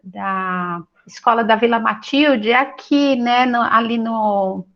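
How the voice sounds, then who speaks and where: A middle-aged woman, telling a personal story in a casual, animated way and acting out the dialogue. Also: fairly high pitch, slow pace, highs cut off. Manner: chatty, animated, acts out dialogue. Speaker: Bible class participant.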